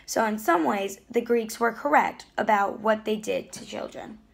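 A woman's voice: fairly high pitch, moderate pace, gravelly. A teenage girl earnestly reading explanatory narration for a school history project. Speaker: student narrator.

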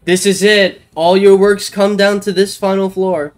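A casual game commentator talks informally through a walkthrough, tossing in self-mocking asides. His voice is medium-pitched, flat and a little slow, with game music playing behind it.

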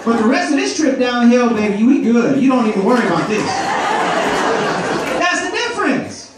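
A young man performing stand-up comedy on a large theater stage with a handheld mic, animated and slipping into character voices. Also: extremely high pitch, moderate pace. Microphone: handheld mic, filmed from the audience. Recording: roomy echo, far from camera, loud crowd noise. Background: laughing crowd.

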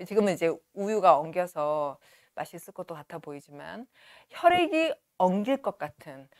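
A woman in her forties teaching in a studio, reading passages slowly and clearly, then explaining in quick asides. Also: on the low side, animated, no room sound. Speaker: English teacher. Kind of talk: lecture on a novel, reading lines aloud and explaining. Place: studio with a virtual backdrop. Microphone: lapel mic.

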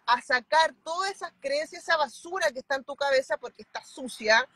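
On a video call from her car, a mentoring client in her thirties talks fast and with fervor, her Chilean Spanish accent clear. The voice is high and sharp, and the recording is dry. Her phone is held at arm's length.

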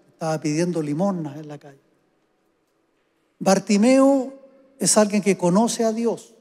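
Pastor guy preaching, high voice, big echoey church hall, gets fired up and stretches out his words. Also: warm tone. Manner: rising to fervent exhortation, drawn-out calls. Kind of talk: sermon. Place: church sanctuary. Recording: hall reverb.

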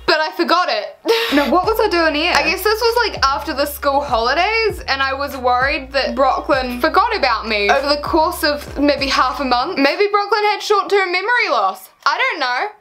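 A woman's voice: high voice, animated, moderate pace, sharp tone, soft background music. A teenage young woman reading her old diary aloud in a casual vlog, embarrassed and self-mocking, with theatrical emphasis on the read-out lines and dry commentary. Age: teens, about sixteen. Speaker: vlogger. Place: small bedroom, indoors.

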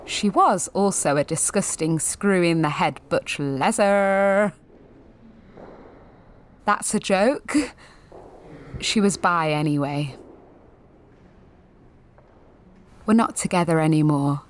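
An actress in her twenties, speaking slowly in a lowish voice with long pauses, plays a jaded, sweary, sensitive gallery attendant in a confessional audio drama monologue. Her delivery is wry and self-deprecating, with a bitter, resigned mood.

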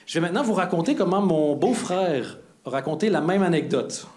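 A man with a high voice hosts a live stand-up comedy night. He talks casually and teases the audience playfully between his introductions of the next act. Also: expressive, fairly quick, a little mellow. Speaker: comedy club host. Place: comedy club stage.

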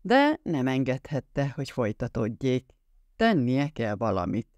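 A man reads a novel aloud, dramatic and expressive. His mid-range voice moves a lot in pitch. The sound is close and dry, with no room around it. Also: no room sound. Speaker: audiobook narrator. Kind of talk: scripted audiobook narration.

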